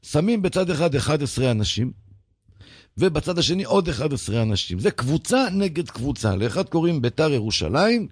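A man's voice: on the high side, very animated, breathy edge, dry recording, clean studio sound. A man voicing a football fan who patiently explains the game. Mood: explaining.

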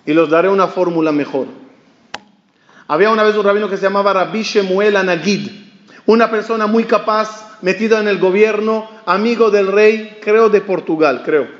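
A male rabbi giving an animated sermon, asking the audience questions and acting out the lines of a story. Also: sits high, normal speed. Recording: dull, echoey hall recording.

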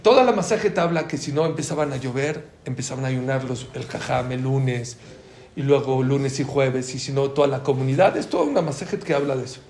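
A man giving a religious lesson as a Torah teacher, acting out dialogues and swinging between loud and hushed. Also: medium pitch, animated, brisk, slight background noise. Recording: echoey room.

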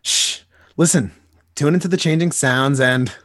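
A man's voice: a little high, unhurried, a bit bright, no room sound, studio quality. A man voicing Nightwing, a cocky young male hero who teases his younger partner, in a dramatic comic reading. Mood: coaching. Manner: teasing, easygoing big-brother banter.

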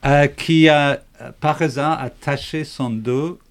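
A man with an English accent and a gravelly voice talks as a guest on a casual podcast. His French is lively and jokey, and he stops now and then to hunt for the right word. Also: fairly high pitch, takes it slowly. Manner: animated, jokey, searching for French words.

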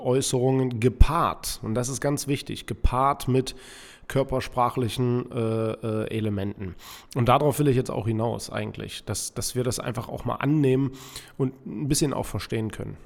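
A man's voice: mid-range voice, vocal fry, darkish tone. A man hosting a podcast as a dog trainer, explaining in an earnest, lecturing way and speaking straight to the listener. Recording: long reverb, hall-like room.

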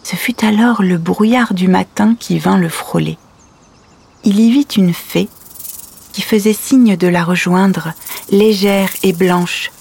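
A woman's voice: mid-range voice, slow pace, vocal fry, a little mellow, slightly rough, full character voice. A woman playing a patient, tender mother who tells her children a fairy tale at bedtime. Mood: gentle storytelling. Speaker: storyteller. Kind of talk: audio story, bedtime storytelling.

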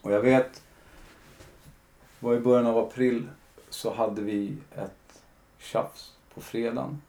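A man's voice: medium pitch, steady tone, warm tone. A man, a podcast guest, telling his own story in a candid, reflective way, often retelling conversations with lots of fillers.

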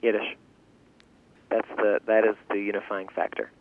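A young man with a fairly low voice answers interview questions casually. He speaks haltingly, working out his thoughts aloud and circling back over words. The sound is narrow and thin, like a telephone line. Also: level tone, no room sound. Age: 20s. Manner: halting, thinking aloud with restarts and repeated words. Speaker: interview guest, farm founder and language teacher.

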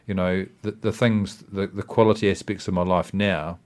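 A man's voice: sits low, fairly even intonation, moderate pace, a little mellow. A man with a New Zealand accent giving a casual interview as a guest, rambling reflectively with plenty of hesitations and filler phrases. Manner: hesitant, rambling, reflective, with frequent "you know" and "I mean".

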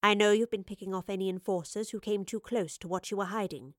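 A woman's voice: mid-range voice, fairly even intonation, no room sound, studio quality, lightly acted. A woman doing a stern, unflinching professor. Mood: cold. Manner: cool, clipped and measured.

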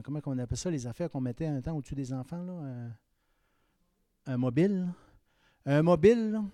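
A man in his fifties with a Québécois French accent preaches a sermon, shifting between raised exhortation and quiet, confiding asides. His voice is on the high side, and the recording is clean studio sound with no room noise.

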